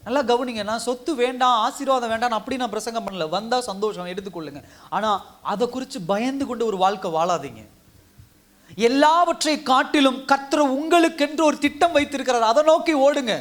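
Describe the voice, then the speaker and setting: High-pitched male pastor, exhorting sermon delivery with repeated phrases. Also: a little fast. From India. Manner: exhorting, repetitive preaching cadence. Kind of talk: Tamil sermon.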